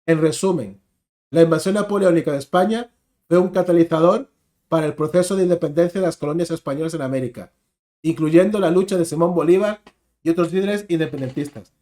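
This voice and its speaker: Un hombre con acento de España que comenta y reflexiona con calma sobre un video de historia. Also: male voice, fairly high pitch, a little fast. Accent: Spanish from Spain. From Spain. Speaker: reaction video host. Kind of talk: casual commentary.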